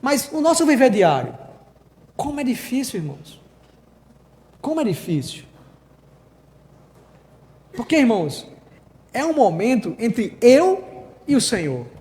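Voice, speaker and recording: A man's voice: extremely high pitch, mellow. A Brazilian man preaching an informal, conversational sermon who keeps calling the congregation his brothers. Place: church meeting hall. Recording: reverberant church hall.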